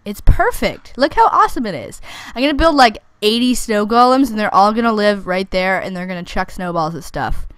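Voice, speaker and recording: A woman's voice: medium pitch, animated, brisk, few pauses, a bit bright, smooth, dry recording. A young woman chatting through her gameplay, answering her own questions and teasing the monsters, with squeals when something surprises her. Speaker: let's play gamer. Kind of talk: casual gameplay commentary.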